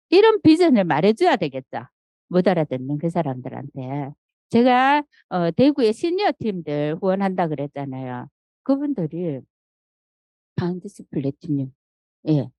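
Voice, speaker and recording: Animated middle-aged Korean woman speaker. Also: lowish voice, no echo. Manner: animated storytelling, acting out quotes, frequent rhetorical questions. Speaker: seminar speaker. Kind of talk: motivational business talk to an audience.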